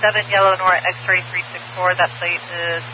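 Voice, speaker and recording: A man's voice: high-pitched, flat delivery, a little fast. Man dispatching over walkie talkie. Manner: clipped, businesslike codes and plate readouts. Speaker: police dispatcher. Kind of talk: radio dispatch call. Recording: muffled, static-filled radio transmission.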